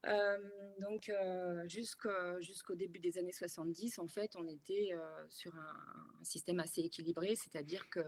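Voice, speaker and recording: A woman's voice: lowish voice, steady tone, normal speed, a little mellow. French-speaking woman in her fifties explaining. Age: 50s. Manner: explanatory, many fillers and restarts. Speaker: trainer. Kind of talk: webinar presentation. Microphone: video call.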